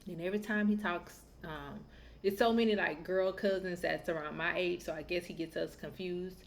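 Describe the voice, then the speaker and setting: A woman's voice: on the low side, steady tone, moderate pace, a little hiss or hum. A woman raised in the Southern United States, hosting a podcast and telling a family story in a candid, opinionated, chatty way. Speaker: podcast host. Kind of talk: casual podcast monologue.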